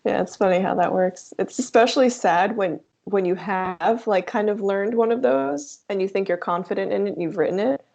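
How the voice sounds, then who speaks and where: A young adult woman chatting as a guest, talking in an animated, chatty way with many filler words. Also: medium pitch, normal speed, creaky, hardly any pauses. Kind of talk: casual chat. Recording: dull lo-fi sound.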